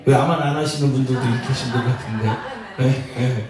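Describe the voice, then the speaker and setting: A man's voice: medium pitch, steady tone, moderate pace, crowd noise. A male pastor preaching a sermon, asking the congregation questions as he goes, recorded in a church sanctuary. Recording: very echoey church hall from a distance.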